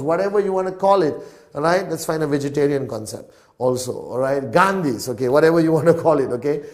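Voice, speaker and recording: A man's voice: on the high side, darkish tone. Emphatic man lecturing. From Malaysia. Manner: emphatic, punctuates every point with "all right?". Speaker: business presenter. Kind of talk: whiteboard business lecture.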